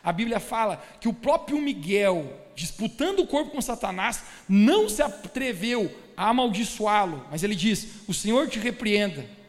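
A man preaching a sermon, emphatic and speaking directly to his congregation. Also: high-pitched. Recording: echoey church hall.

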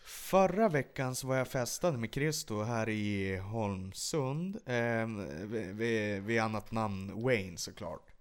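A man co-hosting a podcast, telling lively stories and acting out shouts. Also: fairly low pitch, clear, resonant tone. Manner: animated anecdotes, acts out shouting. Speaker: podcast co-host. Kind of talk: casual chat, storytelling.

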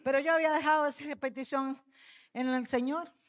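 A woman's voice: high-pitched, fairly even intonation, fairly quick. A middle-aged woman, a pastor's wife, telling a testimony in a sermon and addressing the congregation as brothers.

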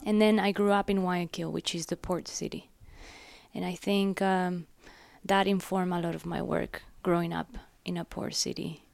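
A woman's voice: fairly low pitch, fairly even intonation, moderate pace, vocal fry, darkish tone. A woman, answering interview questions as a curator in a reflective, conversational way. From Ecuador. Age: 30s. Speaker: curator and gallery director.

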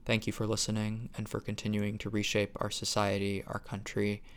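A man's voice: fairly low pitch, monotone, brisk, a little hiss or hum. A man hosting a podcast, earnest and a little hesitant, with fillers when asking questions. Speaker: podcast host.

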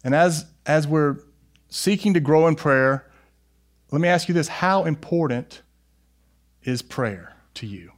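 Male preacher, slightly high voice, earnest and exhorting sermon delivery with direct questions to listeners. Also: lively intonation, unhurried, long pauses. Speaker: pastor preaching to his congregation.

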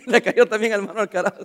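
A middle-aged male pastor, preaching a sermon in church, swinging from loud to quiet and joking with the congregation. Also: high voice.

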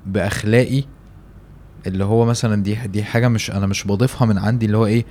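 A man's voice: on the low side, fairly even intonation, very fast, warm tone, slight background noise. A young man with an Egyptian Arabic accent, co-hosting a casual chat on religion in an informal way, often checking he is understood.

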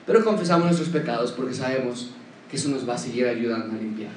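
A man's voice: medium pitch, fast talker, a little mellow. A man preaching a sermon, speaking directly to his listeners and giving them practical advice. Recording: echoey, from a distance, faint noise.

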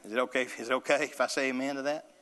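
A man's voice: medium pitch, fairly even intonation, very fast, a bit bright, long reverb tail. A male pastor delivering an emphatic sermon with call-and-response to the congregation.

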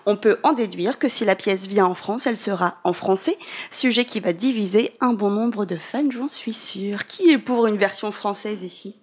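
A young woman hosting a casual podcast, reading news items in a chatty way with quick asides and giggles. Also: mid-range voice, husky. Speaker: podcast host.

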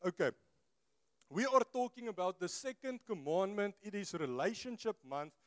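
Talking to his congregation in a relaxed, sincere, conversational sermon, the male preacher has a high, smooth, fairly bright voice. His delivery is sing-song at a normal speed, and his broad South African accent reflects his native Afrikaans.

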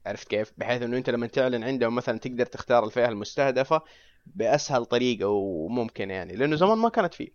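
A man's voice: medium pitch, lively intonation, rapid-fire. A man co-hosting a podcast in casual chat, often checking that his listener follows him. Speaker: podcast co-host. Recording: dry, dull lo-fi sound.

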